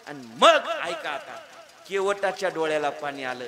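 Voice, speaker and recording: A man's voice: on the high side, wildly swooping pitch, normal speed, bright, forceful tone. A man preaching a comic devotional sermon, telling a story emphatically and calling out to the audience, into a handheld microphone. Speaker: kirtan preacher.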